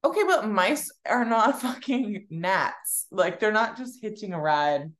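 A woman's voice: mid-range voice, expressive, measured pace, a bit bright. A young woman co-hosting a casual chat podcast, asking questions, laughing often and swearing casually. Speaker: podcast co-host.

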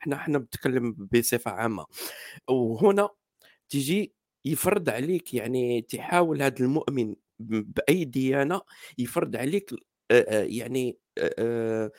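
A man's voice: mid-range voice, expressive, brisk, pauses often, a little mellow, dry recording, clean studio sound. A man with a Moroccan Arabic accent, talking hesitantly in a casual online debate with many fillers and restarts. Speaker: discussion participant.

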